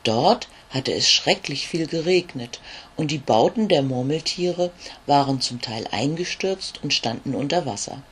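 A storyteller voicing a big, friendly male raven who croaks and speaks in a kindly, obliging way. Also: medium pitch, expressive, unhurried, fairly bright tone, heavily acted.

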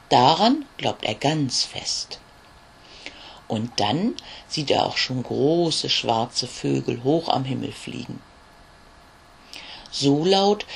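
A storyteller reading a children's audiobook in a slow, gentle way. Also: mid-range voice, gravelly, slight background noise.

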